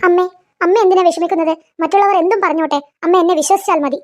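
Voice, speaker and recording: A woman voicing a calm, sincere young daughter-in-law who speaks earnestly. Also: very high-pitched, very fast.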